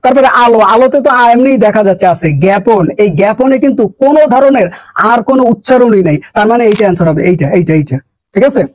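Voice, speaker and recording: A man's voice: high-pitched, expressive, quick pace, a little mellow, poor audio. A male teacher from Bangladesh, giving an exam-prep grammar lesson and repeating questions and answers as drills.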